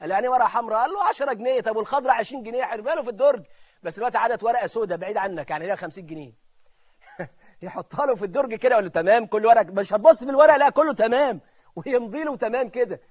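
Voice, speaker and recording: Animated Egyptian preacher, high quick voice. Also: male voice. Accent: Egyptian Arabic. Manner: animated, swings between loud emphasis and hushed near-whispers. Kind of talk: colloquial sermon with storytelling.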